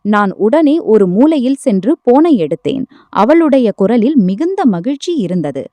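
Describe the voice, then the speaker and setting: A woman tells an emotional first-person family story in a steady, scripted narration. Her voice is warm and dark in tone, and her pitch moves widely through each sentence. The recording is close and dry, with no room sound. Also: unhurried, no room sound.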